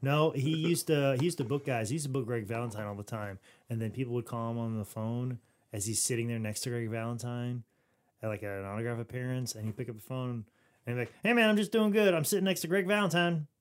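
A man's voice: mid-range voice, fairly even intonation, a little fast, darkish tone. A man hosting a podcast, talking casually and rambling through stories with many restarts and fillers. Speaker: podcast host. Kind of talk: casual chat.

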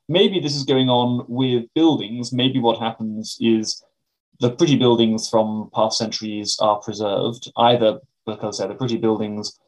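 A man's voice: fairly low pitch, a little mellow, rough recording. A British man speaking as an academic interview guest, explaining things in a donnish, carefully qualified way.

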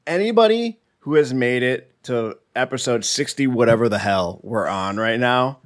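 A man's voice: mid-range voice, animated, normal speed. A man co-hosting a podcast, joking and teasing his partner in casual chat. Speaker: podcast co-host.

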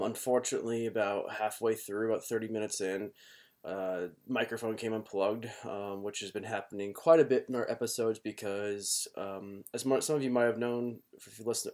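A man's voice: fairly low pitch, fairly even intonation, a little fast, a little mellow. A man hosting a podcast, giving a casual, rueful and apologetic spoken intro recorded in a home basement. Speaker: podcast host.

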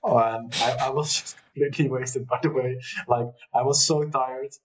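A man with a Dutch accent, chatting casually as a podcast guest, halting with many restarts and frequent laughs. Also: mid-range voice, fairly even intonation, background noise. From Netherlands. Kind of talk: casual chat. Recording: muffled lo-fi audio, far from the mic.

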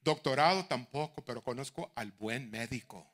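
A middle-aged man preaching as a bishop, dropping to near-whispers and then rising to shouted exhortation, with English phrases mixed in. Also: medium pitch, moderate pace. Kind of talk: sermon.

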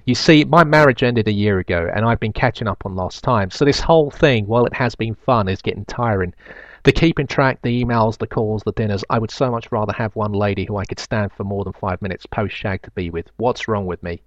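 A low-pitched man hosts a casual solo podcast and reads listener emails aloud. He hesitates often, filling gaps with ums and uhs, and drops dry, self-mocking asides. The sound is dry and a little dull, like a close home mic with little room. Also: brisk, no echo. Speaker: podcast host.

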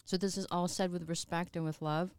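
A woman's voice: on the low side, level tone, brisk, no room sound. A woman co-hosting a podcast, chatting playfully about food. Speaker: podcast co-host. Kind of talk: casual chat.

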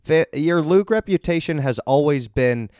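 A man's voice: on the high side, expressive, normal speed, darkish tone, no room sound, studio quality. A man hosting a casual sports podcast, building hype with upbeat banter as he interviews league members. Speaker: podcast host and league commissioner.

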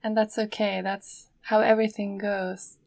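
A woman hosts a podcast and talks with her cello student. She has a measured, encouraging way of speaking at a middle pitch. Her voice sounds dry and close. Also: level tone, vocal fry, a little mellow, no room sound. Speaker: podcast host and cello teacher. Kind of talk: podcast hosting and conversation.

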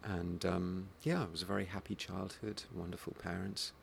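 A man with a Home Counties English accent talks in a very deep voice full of vocal fry. He is thoughtful and slightly hesitant, answering as an actor in an interview. Faint noise sits behind him. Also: little pitch movement, normal speed. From Hertfordshire, England. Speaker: stage actor being interviewed. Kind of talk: reflective interview conversation.

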